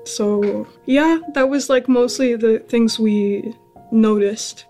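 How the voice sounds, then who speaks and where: A woman's voice: on the high side, slow, warm tone, soft background music. A young woman from the UK, a student, talking casually in an interview and often saying "like". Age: young adult. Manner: casual, with fillers like "like".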